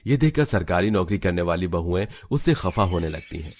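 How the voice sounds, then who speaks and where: A man narrating a cartoon story in a steady, scripted storytelling style. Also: low-pitched, fairly quick, a little hiss or hum.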